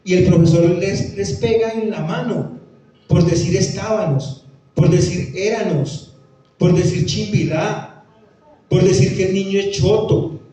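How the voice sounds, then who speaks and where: A lecturer on the Pijao language with a Tolima Colombian Spanish accent answers audience questions at a conference in a high, dark, unhurried voice. He's emphatic, repeats phrases, and acts out quoted voices, heard from far off in an echoey hall.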